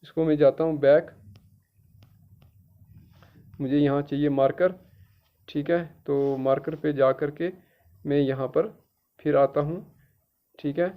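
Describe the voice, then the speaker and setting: A man's voice: fairly high pitch, steady tone, slow, pauses often. A middle-aged male teacher from Jammu and Kashmir giving a patient, step-by-step tutorial and checking in with his students after each step. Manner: patient, repetitive, keeps checking with "theek hai". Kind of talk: screen-guided tutorial. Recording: dull lo-fi recording.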